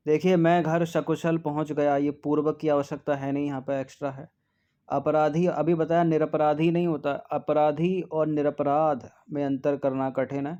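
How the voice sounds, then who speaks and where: Man going through Hindi spelling answers, low-key. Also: warm tone, lo-fi sound. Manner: drills spellings slowly, repeats words, frequent "ठीक है". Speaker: Hindi exam tutor. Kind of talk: test-series answer walkthrough.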